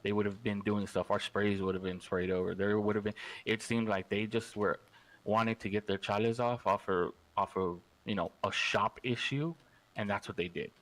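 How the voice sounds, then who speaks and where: A man's voice: fairly low pitch, level tone, normal speed, a bit bright, poor audio. A man speaking in character at a roleplay gang meeting, rambling and repeating himself.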